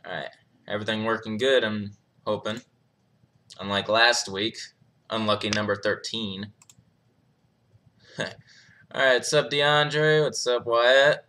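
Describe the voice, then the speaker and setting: Bright-voiced young man streaming casually. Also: on the low side, steady tone, slow pace, pauses often. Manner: laid-back, chuckles often, reads chat aloud. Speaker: streamer hosting a live Q&A. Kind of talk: casual live-stream chat.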